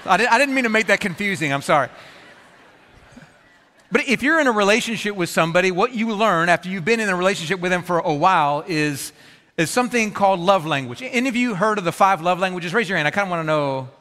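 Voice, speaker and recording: A man preaching to his congregation in a church auditorium. His voice sits high and sounds bright and forceful. He talks in an easy, conversational way and acts out small everyday scenes with humor, and the sound carries the long echo of a big hall. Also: expressive, fast talker. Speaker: pastor. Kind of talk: sermon. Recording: long reverb of a large hall.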